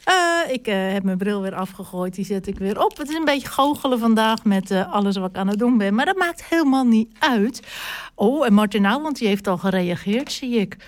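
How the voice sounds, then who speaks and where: A woman's voice: mid-range voice, expressive, brisk. A woman hosting a local radio show, chatting casually and reading out local events with many filler sounds. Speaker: radio host.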